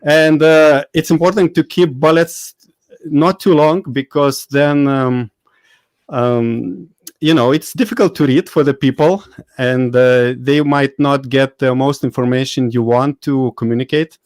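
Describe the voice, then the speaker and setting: A man's voice: mid-range voice, fairly even intonation, a little slow, a little mellow, no room sound. A man with a Lithuanian accent hosting a live webinar, chatty and hesitant, with many fillers and laughs. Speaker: host. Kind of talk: casual live webinar chat.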